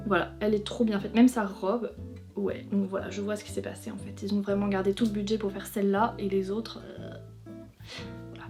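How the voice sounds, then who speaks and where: A young woman chatting casually as a vlogger, reviewing figurines in a frank, teasing way that is quick to complain. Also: mid-range voice, darkish tone. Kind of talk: casual chatty unboxing commentary. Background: faint background music.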